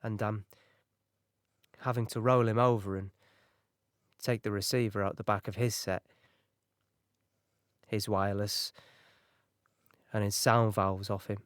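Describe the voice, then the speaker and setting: An actor playing a young British signaller recounting a beach landing in an audio drama, halting and shaken. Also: male voice, on the low side, little pitch movement, smooth, no echo, clean studio sound, close to an everyday voice. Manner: halting, shaken, recalling horror in present tense.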